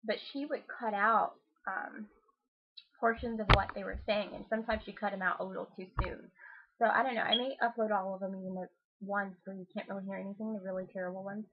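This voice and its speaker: A woman hosting her own channel, chatting casually and excitedly with many fillers and some swearing. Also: medium pitch, fairly quick, background noise. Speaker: YouTube channel host. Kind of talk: casual vlog chat. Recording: tinny lo-fi phone-like sound.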